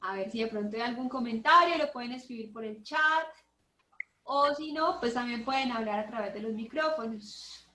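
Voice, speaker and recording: A woman teacher leading an online workshop, reading a picture book aloud with lively expression and asking her listeners questions. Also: on the high side, moderate pace, echoey room. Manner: expressive storybook reading, asks the audience questions.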